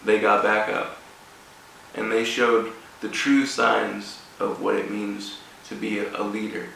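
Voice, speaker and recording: A guest speaker at a rugby club addresses an audience in a very reverberant room, his fairly low, gravelly voice sharp in tone and showing little pitch movement. He tells a personal story in an informal, motivational way, in halting, broken phrases, recorded on a distant mic with faint noise.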